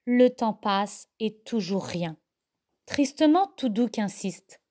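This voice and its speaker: Slow, lively-voiced woman reading a story. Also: mid-range voice. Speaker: mother reading a children's story. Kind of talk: storybook narration.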